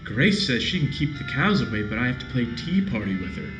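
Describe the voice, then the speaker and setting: A man's voice: medium pitch, big pitch swings, fairly quick, roomy sound, over music, natural voice. A man reading a game diary as a frightened young frontier girl, with plain, folksy, childlike phrasing. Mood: earnest, innocent. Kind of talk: game diary read aloud.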